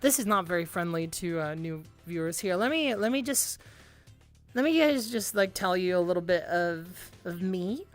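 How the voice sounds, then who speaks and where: A woman's voice: on the low side, normal speed, faint music behind. Bubbly young woman, cute anime-streamer style. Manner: excitable, giggly, rambling. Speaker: music streamer, VTuber. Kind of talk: casual livestream chat with viewers.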